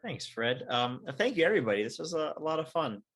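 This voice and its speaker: A man's voice: medium pitch, very animated, fast, fairly bright tone. A man hosting a casual interview call, friendly as he wraps up the show. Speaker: podcast host.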